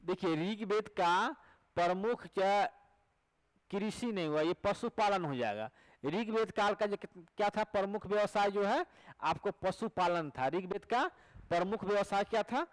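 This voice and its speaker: A man's voice: high-pitched, expressive, a little slow, poor audio. A male teacher with a Bihari Hindi accent, giving an exam prep lecture and repeating each question and answer back to his students. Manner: coaxing, asks rhetorical questions to check recall.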